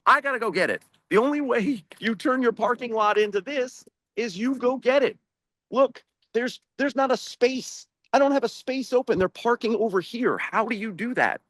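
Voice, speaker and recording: A man's voice: extremely high pitch, moderate pace, fairly bright tone, dry recording. A man speaking on a video-call webinar panel as a franchise owner, emphatic and preachy, firing off rhetorical questions.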